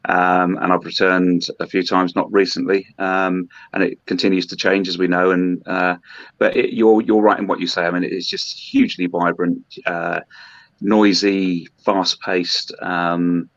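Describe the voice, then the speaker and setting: A man from Hong Kong, a brewery representative, talking in a podcast interview with many pauses and restarts. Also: deep voice, level tone, a bit bright, dry recording. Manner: hesitant, many ums and restarts. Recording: dull lo-fi dry sound.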